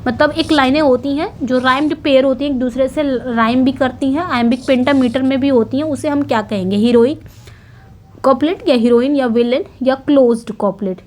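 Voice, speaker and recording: A woman teaching an exam-preparation lesson, explaining in Hindi and reading English questions out slowly. She repeats points and corrects herself as she goes. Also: sits high, darkish tone, slight background noise.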